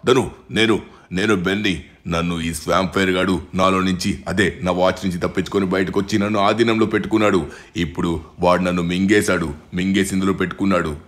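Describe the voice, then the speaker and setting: A man's voice: low voice, flat delivery, quick pace, lightly acted. A man voicing a trapped young male hero who urgently pleads for rescue in a game video. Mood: urgent pleading.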